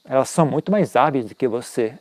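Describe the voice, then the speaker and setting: A man's voice: medium pitch, lively intonation, brisk, darkish tone, no room sound. A man teaching Buddhism in an informal, conversational talk, often tagging his sentences with questions and making self-mocking asides.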